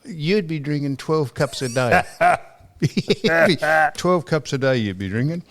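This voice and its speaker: A man's voice: fairly high pitch, animated, unhurried. Rambling, stammering Australian man. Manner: rambling, stammering storyteller who repeats himself. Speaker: podcast co-host. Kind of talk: casual chat.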